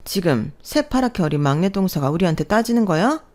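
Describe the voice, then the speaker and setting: A woman plays sneering, condescending sisters-in-law in a storybook drama. Her voice is fairly low and warm, yet every line drips with sarcasm and mockery. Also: expressive, brisk, close to an everyday voice. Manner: mocking and sarcastic.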